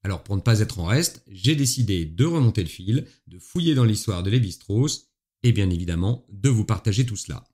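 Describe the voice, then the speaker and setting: A man's voice: fairly low pitch, animated, brisk, mellow, breathy edge. A man from France hosting a solo history podcast, explaining in a chatty way with playful asides to his listeners. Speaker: podcast host.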